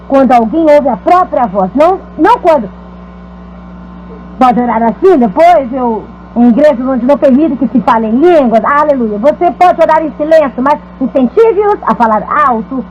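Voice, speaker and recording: High-voiced woman preacher, animated teaching style, dull lo-fi sound with faint hum. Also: normal speed. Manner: lively, chanting repeated words in demonstration. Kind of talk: dubbed teaching talk to a congregation.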